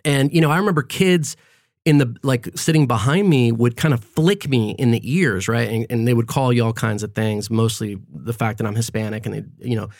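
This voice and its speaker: A man's voice: medium pitch, brisk, darkish tone, no echo, studio quality. A man in his forties, raised in Florida, talking reflectively in a casual podcast conversation, often checking in with "right?" and "you know". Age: 40s.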